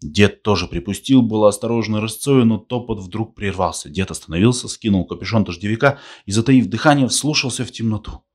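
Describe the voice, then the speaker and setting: A man reads a novel aloud in a measured, even storytelling voice. His tone sits very low and deep throughout. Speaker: narrator. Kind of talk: audiobook reading.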